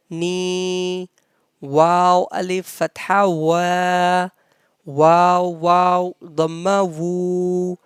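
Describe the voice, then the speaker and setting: Quran teacher going super slow through letter drills, flat even tone, really crisp and dry. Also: mid-range voice, no echo. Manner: drawn-out, careful drilling of syllables. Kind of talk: slow letter-by-letter recitation lesson.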